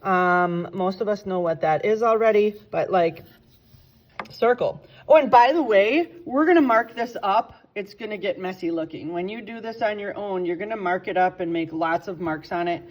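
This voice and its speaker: A woman teaching an orchestra class, talking through a score as she marks it up. She thinks aloud, corrects herself mid-phrase and swings between bright exclamations and quiet asides, with an ordinary voice of middle pitch. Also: moderate pace, lo-fi sound. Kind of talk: classroom walkthrough.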